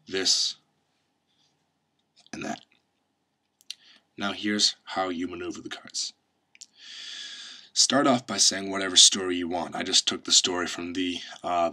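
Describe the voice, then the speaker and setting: Low bright male voice, walks you thru a card trick step by step w/ magician patter. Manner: instructive, reciting patter lines in demonstration. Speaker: magic trick tutorial presenter.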